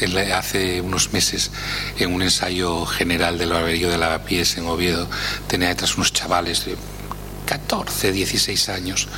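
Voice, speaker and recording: As an expert guest in an interview, a low-voiced man explains at length in an animated way, often tagging phrases with a questioning "eh". The recording has the echo of a hall and faint noise.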